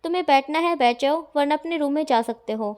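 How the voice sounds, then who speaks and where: A woman reading out a stern, composed young man in a storybook reading, firm and scolding. The voice is high. Plain, everyday delivery. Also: brisk, a little mellow, lightly acted. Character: calm, stern young male student.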